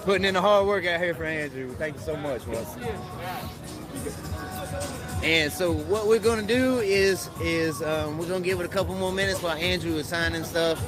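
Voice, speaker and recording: A man's voice: on the high side, normal speed, music in the background, a crowd in the background. A man from North Carolina with a Southern accent, hosting a live stream outdoors at a rally, friendly and hyped, calling out to his viewers. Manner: friendly hype, says y'all and gang gang. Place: outdoors at a rally, near traffic.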